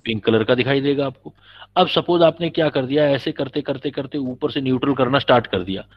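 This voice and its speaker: A man's voice: medium pitch, a little fast. Patient male chemistry teacher, dull recording. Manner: patient, explanatory, quizzes students and calls them "beta". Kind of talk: classroom lecture.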